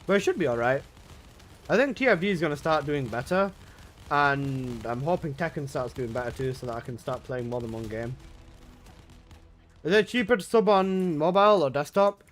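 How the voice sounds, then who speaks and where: A man's voice: a little high, animated, normal speed, a little hiss or hum. Slangy young man streaming games. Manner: laid-back slangy banter, reading and answering chat. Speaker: gaming livestreamer. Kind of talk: casual live-stream chat. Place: his own room at home.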